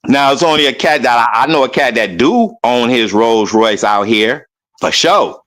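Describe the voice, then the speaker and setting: A man in casual conversation, telling a rambling story and mimicking other people loudly as he goes. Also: mid-range voice, normal speed. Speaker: guest.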